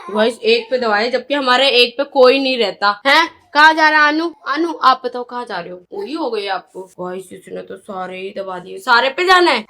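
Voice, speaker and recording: A woman hosting a casual family vlog from home, talking loudly to children and to her viewers on a handheld phone. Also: high-pitched. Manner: loud, scolding-sounding voice; chatty, coaxing kids and addressing viewers. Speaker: vlogger, host.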